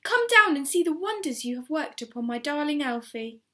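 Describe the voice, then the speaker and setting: Woman putting on an excitable, shrill, gushing lady. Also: normal speed, exaggerated voice. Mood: delighted, urgent. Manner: shrill, exclaiming.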